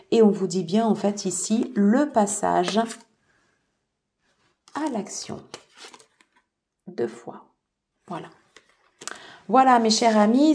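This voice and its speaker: Slow, soft-spoken woman reading tarot. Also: medium pitch, a little hiss or hum. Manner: slow, soft-spoken, filler-heavy with many "voilà" and "alors". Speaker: tarot reader. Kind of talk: casual tarot reading to viewers.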